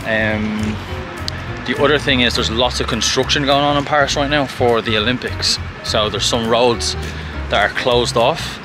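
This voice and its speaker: A man's voice: mid-range voice, moderate pace. A young man narrating a casual travel vlog outdoors on city streets, chatty and explaining his plans as he walks. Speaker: vlogger. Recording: music playing under the voice.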